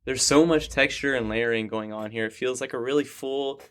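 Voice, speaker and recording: A man's voice: mid-range voice, fairly even intonation, brisk, fairly bright tone, clean tone. Easygoing man who swears casually. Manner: easygoing, swears casually, says "dude" often. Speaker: podcast co-host. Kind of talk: casual music review chat.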